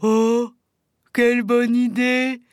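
A woman's voice: medium pitch, sing-song, slow, no echo, faint music behind. A woman voicing a big, cheerful male bear in a storybook, with a hearty manner.

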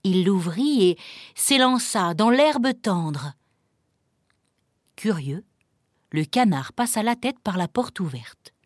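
A woman narrating a children's story in a slow, gentle, clearly paced manner. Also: medium pitch, expressive, no room sound, studio quality.

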